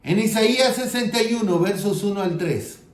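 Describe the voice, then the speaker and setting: A man with a Mexican Spanish accent, whose voice sits high, preaches an earnest sermon as a pastor in roomy sound, reading scripture aloud and slowing down for emphasis.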